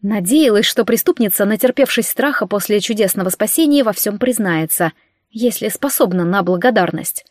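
A woman giving a lively, expressive first-person audiobook narration with dramatic delivery. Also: medium pitch, normal speed, dry recording, studio quality. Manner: lively, dramatic reading with voiced characters.

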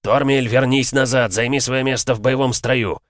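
A man voicing a gruff army captain who barks orders at the top of his lungs. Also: mid-range voice, expressive, moderate pace, dry recording, pitched above the performer's own voice, natural voice. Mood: shouting orders. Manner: barking orders at full shout.

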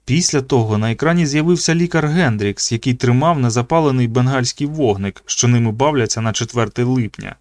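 Male audiobook narrator with a mid-pitched voice and a measured, even read, recorded close and dry. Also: no room sound. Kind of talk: scripted narration.

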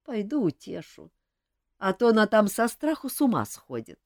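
A woman reading the part of a brisk, quick-witted young court lady in an audiobook. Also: medium pitch, big pitch swings, darkish tone, no room sound, clean studio sound, pitched above the performer's own voice. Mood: reasoning.

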